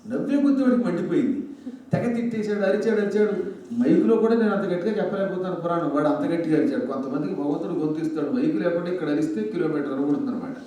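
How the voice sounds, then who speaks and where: A man giving a religious discourse in a hall, telling a story with lively voiced dialogue. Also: a little high, very fast. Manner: animated storyteller acting out characters' lines. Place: large hall with a microphone. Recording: echoey hall audio from a distance.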